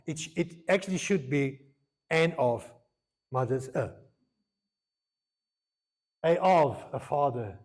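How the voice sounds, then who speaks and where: A man's voice: on the high side, lively intonation, takes it slowly, long pauses, darkish tone. A man preaching a sermon as pastor, earnest, moving between Afrikaans and English and repeating phrases for emphasis.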